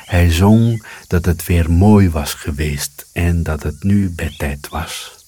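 A man reading a children's story aloud as scripted narration, calm and even. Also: low voice, takes it slowly, husky.

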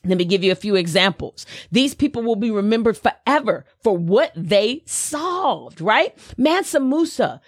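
A woman's voice: medium pitch, very animated, normal speed, few pauses, husky, dry recording, clean studio sound. A middle-aged woman with a Southern US accent hosting a motivational podcast, enthusiastic and preachy, repeating phrases for emphasis. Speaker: podcast host.

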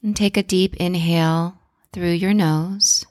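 Soft, slow, soothing woman guiding breathing. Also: lowish voice, fairly even intonation, no echo, clean studio sound. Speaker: podcast host and yoga guide. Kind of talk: guided breathing relaxation.

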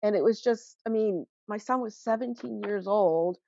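A woman in her forties, a mother telling her son's story as an interview guest, earnest and halting with frequent restarts. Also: medium pitch, vocal fry, dark tone, no room sound, lo-fi sound. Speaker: guest, mother of a teen who vaped. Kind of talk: emotional personal account in interview.

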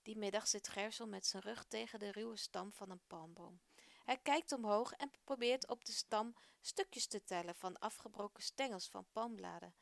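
A woman narrating a children's story in a gentle, expressive read-aloud manner. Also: medium pitch, moderate pace, vocal fry, dry recording.

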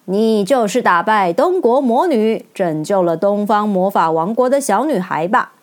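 A woman voicing a majestic, stern giant head who speaks slowly and commandingly in a children's storybook reading. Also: medium pitch, expressive, natural voice. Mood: imposing. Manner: slow, loud, commanding.

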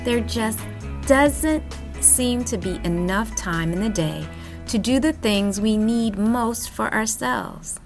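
A woman hosting a wellness podcast, guiding gently in a soft, soothing, measured voice. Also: a little high. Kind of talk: guided breathing and gentle self-care podcast narration. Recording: new-age music behind the voice.

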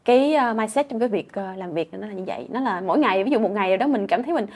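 A woman's voice: mid-range voice, animated, rapid-fire, darkish tone. A young woman with a southern Vietnamese accent chatting casually as a guest, emphatic and repeating words as she explains. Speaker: guest, stand-up comedian. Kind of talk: casual chat.

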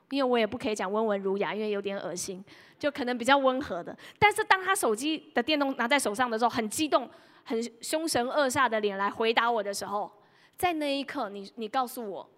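Lively woman preacher in a reverberant hall. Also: fairly high pitch. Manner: lively storytelling, mimics her child and addresses the congregation directly. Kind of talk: sermon.

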